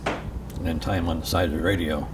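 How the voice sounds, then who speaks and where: An older man, a veteran, remembering his service in an interview, haltingly and with pauses. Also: deep voice, fairly even intonation. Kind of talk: interview reminiscence. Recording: distant mic, clear background noise.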